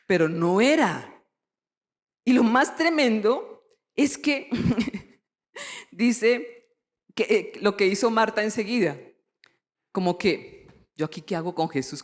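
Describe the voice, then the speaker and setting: A woman pastor preaching a lively sermon, acting out quoted voices and asking the congregation questions. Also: mid-range voice, measured pace, long pauses, long reverb tail.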